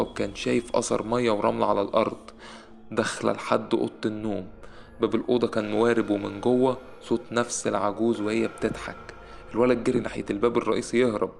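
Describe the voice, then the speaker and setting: A man with an Egyptian Arabic accent narrating a scripted horror story in a suspenseful way, with dramatic pauses. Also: lowish voice, creaky.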